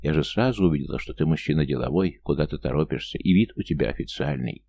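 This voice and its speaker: Man reading a wary old woman, blunt, gravelly, low and dark. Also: very animated, fast talker, heavily acted. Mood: mocking. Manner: wary, blunt, then mocking. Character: suspicious sharp-eyed old woman.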